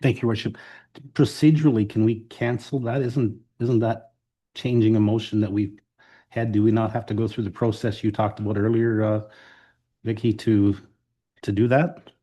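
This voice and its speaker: A man acting as deputy mayor, raising a point of procedure at a council meeting. His voice is low, dark and husky, with a flat delivery. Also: moderate pace. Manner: questioning, checks procedure.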